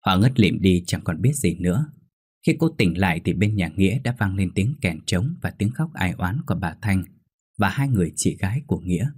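A man narrating a scripted ghost story in a steady, somber way. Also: low-pitched, fairly quick, breathy edge. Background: faint music.

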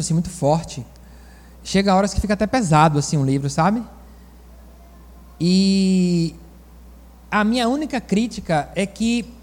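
A man from Bahia, preaching a sermon in a folksy, animated storytelling manner with asides to the congregation. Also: fairly high pitch, long reverb tail. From Bahia, Brazil.

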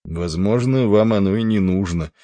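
Brief: man playing a level-headed chief engineer, deep, even and quiet delivery. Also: normal speed, no room sound, natural voice. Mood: calm. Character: calm, steady male chief engineer officer.

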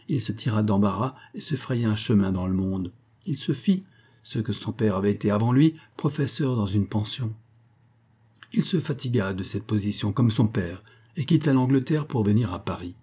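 A desperate young man cornered by his past, as a man reads him, intense and accusing, pressing each point with urgency. The tone is dark and a little husky. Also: fairly low pitch.

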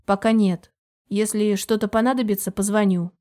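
Холодный, властный муж, который говорит отрывисто и жёстко, его читает женщина. Голос мягкий и тёплый по тембру, но интонации сухие и резкие. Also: female voice, mid-range voice, fairly even intonation, normal speed, dark tone, close to an everyday voice. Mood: steely. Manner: curt, steely. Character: cold controlling businessman husband, adult man.

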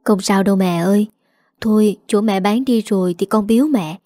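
A woman voicing a gentle, caring young wife who speaks softly and reassuringly in a story. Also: mid-range voice, normal speed, no room sound, studio quality, natural voice. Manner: soft, reassuring.

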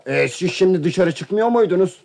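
An actor playing a lonely older wealthy man who hosts summer guests, in a radio play, with a calm, dry manner. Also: sits high, moderate pace, creaky. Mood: patient, dry. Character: older wealthy male host, lonely and mocked.

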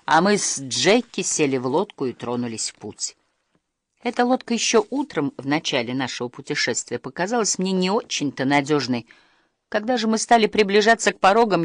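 An audiobook narrator reading a first-person story with expressive storytelling. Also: mid-range voice, no room sound, clean studio sound.

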